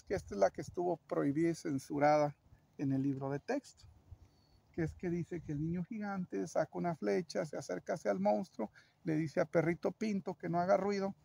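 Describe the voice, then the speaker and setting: A man's voice: a little high, creaky, darkish tone. A man telling a local legend aloud in a playful, dramatic way with joking asides. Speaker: storyteller.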